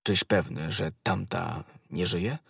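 A man voicing a hot-headed young swordsman who speaks solemnly and urgently, often hushed, in a storybook reading. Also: fairly low pitch, unhurried, no room sound, clean studio sound.

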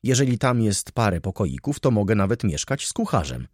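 A man's voice: on the low side, sing-song, brisk, a little mellow, husky, dry recording, clean studio sound. A man voicing a pompous, self-important male valet who talks down to his masters and the maid. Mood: haughty. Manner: haughty, condescending, commanding.

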